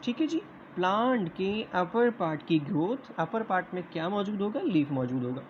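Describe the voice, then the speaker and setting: A man's voice: high-pitched, lively intonation, moderate pace. A man teaching biology in a lecture style, asking questions and answering them himself and often checking that listeners follow. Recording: dull lo-fi recording with faint hiss.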